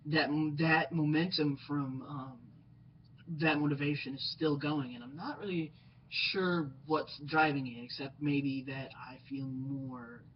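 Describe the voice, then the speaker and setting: A man's voice: fairly high pitch, fairly even intonation, unhurried. Reflective young man, slightly muffled. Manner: reflective, hesitant, many ums and restarts. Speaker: vlogger. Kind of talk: personal video diary. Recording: slightly dull lo-fi sound with faint noise.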